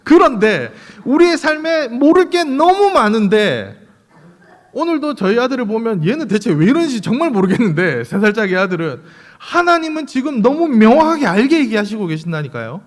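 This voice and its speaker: A man, his voice sitting high and moving lively across its range. He keeps the congregation engaged with rhetorical questions and light humor. A long church reverb trails each phrase. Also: normal speed. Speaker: pastor. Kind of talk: sermon. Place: church sanctuary.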